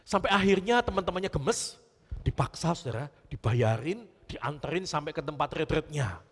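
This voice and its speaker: Man, pastor, high voice, dramatic storytelling sermon, long church reverb. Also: moderate pace, slightly rough. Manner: animated storytelling, often addressing listeners as brothers and sisters; swings between loud emphasis and hushed lines.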